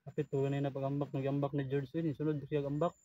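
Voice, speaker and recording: A man chatting casually outdoors on a mountain, measured and repeating himself as he thinks. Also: mid-range voice, level tone, dark tone, slight background noise. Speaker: vlogger on a jungle outing. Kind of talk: casual chat among friends. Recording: distant, dull lo-fi outdoor mic.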